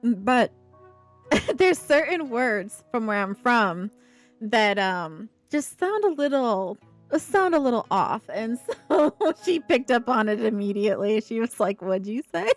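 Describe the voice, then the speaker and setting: A woman from Ohio with a slight Appalachian accent and a slight speech impediment, chatting casually with viewers while she builds, playful and quick to laugh. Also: fairly high pitch, very animated, faint music behind. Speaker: streamer. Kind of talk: casual live-stream chat while building.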